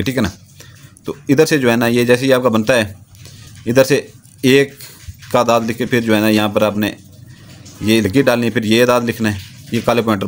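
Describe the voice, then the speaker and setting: A man teaching a ritual step by step in a steady, repetitive way, often checking that the listener is following. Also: medium pitch, a little hiss or hum. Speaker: spiritual practitioner teaching a ritual. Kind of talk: step-by-step instruction.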